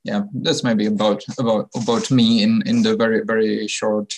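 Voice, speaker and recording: A man of about thirty with a Czech accent speaks in a slightly low voice. He explains himself as an interview guest in non-native phrasing, halting often as he searches for the next word. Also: level tone, rough recording. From Czech Republic. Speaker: interview guest, technology innovator. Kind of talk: unscripted explanatory interview talk.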